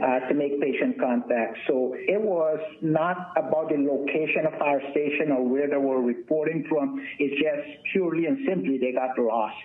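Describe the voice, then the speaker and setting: A man giving a formal, somewhat halting official statement. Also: a little high. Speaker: airport official. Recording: echoey room, tinny phone-like sound.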